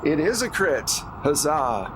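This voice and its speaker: A man with a high-leaning, sing-song voice speaks unhurriedly as a game master, improvising second-person narration and explaining dice rules conversationally. The recording is noisy, with clear background noise.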